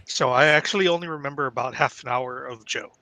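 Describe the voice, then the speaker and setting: A man's voice: mid-range voice, fast talker, bright, forceful tone, no echo. A man co-hosting a podcast, telling stories in a casual, self-deprecating way. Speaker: podcast co-host. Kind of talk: casual chat.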